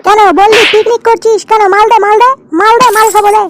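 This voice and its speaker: Squeaky, nagging cartoon drunkard. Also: male voice, little pitch movement, fast talker, very noisy. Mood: pestering. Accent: West Bengal. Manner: nagging, repetitive. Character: pushy, freeloading male drunkard craving booze. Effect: pitched-up cartoon voice. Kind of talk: comic cartoon dialogue.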